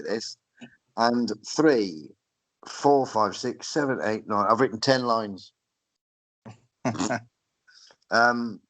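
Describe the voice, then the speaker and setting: A man's voice: medium pitch, fairly bright tone, no echo, poor audio. A man, a podcast co-host chatting casually, sarcastic and sweary as he recaps a match. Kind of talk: casual chat reviewing wrestling.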